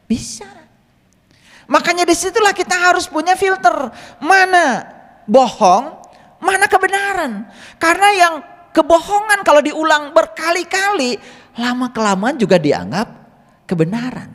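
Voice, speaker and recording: High-pitched, animated man preaching. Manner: lively, fires rhetorical questions at the audience; recites Arabic verses slowly and drawn out. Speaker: religious teacher. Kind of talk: sermon-style religious lesson. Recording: long reverb, hall-like room.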